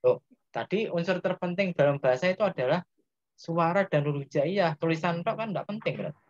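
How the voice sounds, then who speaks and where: A man's voice: on the high side, fairly quick. Javanese man teaching, lo-fi sound. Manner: asks students questions, explains step by step. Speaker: Islamic grammar teacher. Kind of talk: interactive classroom lesson.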